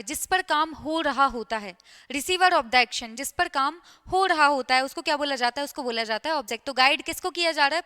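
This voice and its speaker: A high, bright-voiced woman teaches an exam-prep class. She repeats key points often and keeps checking in with her students. Her delivery is crisp and lively. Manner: repetitive, checks in with listeners.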